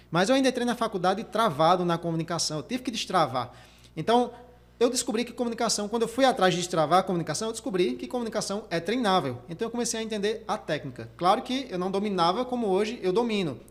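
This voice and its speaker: A man from Brazil hosts a motivational career podcast. He talks quickly in a fairly high voice and hammers his points home by repeating them. He sometimes shows off changes of tone as he explains how to speak well. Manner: emphatic, repeats key points, demonstrates vocal techniques. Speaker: career coach and podcast host.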